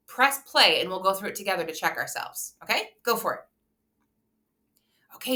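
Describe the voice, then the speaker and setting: A woman's voice: medium pitch, sharp tone. A woman with an encouraging kindergarten teacher voice, leading a phonics lesson and putting questions straight to young children in an exaggerated way. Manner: talks directly to the child listener, posing questions with pauses. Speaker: early reading teacher.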